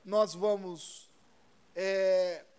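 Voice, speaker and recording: A man's voice: sits high, fairly even intonation, drawn-out words, a little mellow, smooth. A man with a Brazilian Portuguese accent, a pastor preaching a sermon in a conversational, repetitive, folksy storytelling way. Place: church service.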